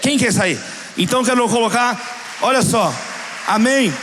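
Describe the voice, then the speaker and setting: Pastor guy preaching, really high voice, acts out his stories, big echoey church hall. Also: moderate pace, background noise. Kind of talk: sermon.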